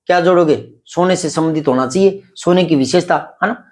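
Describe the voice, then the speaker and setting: Hindi grammar teacher, patient explainer. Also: male voice, on the high side, darkish tone. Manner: explains patiently, repeats example sentences slowly, quizzes a pupil. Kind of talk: classroom grammar lesson.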